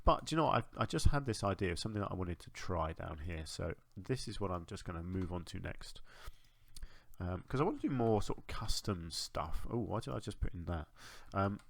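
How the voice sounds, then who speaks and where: A man's voice: low-pitched, lively intonation, fairly quick, creaky, no echo. A man with a blocked, congested nose, chatting casually to himself as he builds in a game. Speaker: gaming video host. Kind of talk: casual gameplay commentary.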